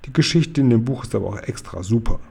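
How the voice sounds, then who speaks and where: Guy reading as a big friendly giant, gentle, a bit sly, mangles words, soft low dark voice. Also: animated, fast talker, creaky, breathy edge, heavily acted. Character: huge kind male giant, gentle and crafty.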